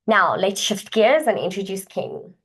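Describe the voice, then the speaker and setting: A woman hosting her own channel, speaking an earnest, inspirational voice-over. Her pitch sits in the middle range. She reads her script with steady sincerity. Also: unhurried, breathy edge, poor audio. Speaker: host. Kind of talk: scripted narration.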